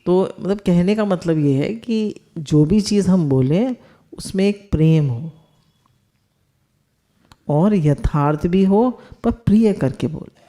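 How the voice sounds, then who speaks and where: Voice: medium pitch, lively intonation, slow pace, dark tone. A spiritual teacher giving a discourse, explaining with everyday household examples and asking the listeners rhetorical questions.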